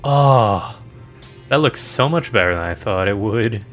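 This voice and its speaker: A man's voice: lowish voice, lively intonation, unhurried, faint music behind. A man streaming a game, chatting playfully and joking to himself as he plays. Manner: playful, jokey, talking to himself. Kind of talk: casual gameplay commentary.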